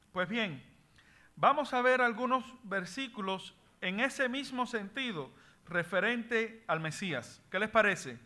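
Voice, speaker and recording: High, bright-voiced male Bible teacher. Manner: reads scripture aloud and explains word meanings, asking the class questions; switches between Spanish and English words. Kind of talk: Bible study class.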